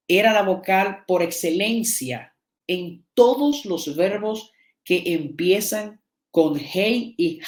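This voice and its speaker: A man teaching a seminar, explaining slides and often repeating and restarting words as he checks in with his listeners. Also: on the high side. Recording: echoey room.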